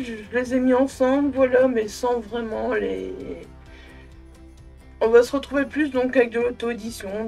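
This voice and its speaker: A young woman giving a casual, effusive book review to camera at home, in a halting way that often repeats words. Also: a little high, mellow. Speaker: book vlogger. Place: small room at home with bookshelves.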